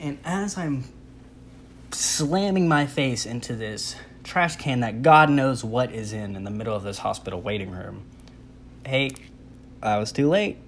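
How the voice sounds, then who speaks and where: A young man telling a comic personal story in a casual, animated, self-deprecating way, acting out his own reactions. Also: mid-range voice, slight background noise.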